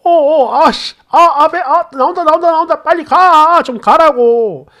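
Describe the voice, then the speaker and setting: A woman voicing a whiny, petulant young man with a stomachache, complaining and yelling. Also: on the high side, takes it slowly. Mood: whining. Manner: whining, yelling, impatient.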